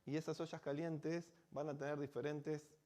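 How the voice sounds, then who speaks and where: A man's voice: a little high, little pitch movement, normal speed, dark tone. A man with a Rioplatense Spanish accent, a rabbi telling a story in a sermon, chatty and full of rhetorical questions. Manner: conversational, asks rhetorical questions.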